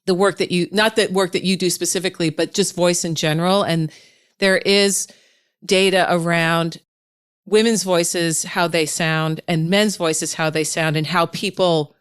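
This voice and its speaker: A woman podcast host with a smooth, clear voice that sits a little low. She talks in a chatty, reflective way and warmly affirms her guest as the conversation goes on. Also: steady tone, unhurried. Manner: chatty and reflective, with frequent affirming murmurs and laughs.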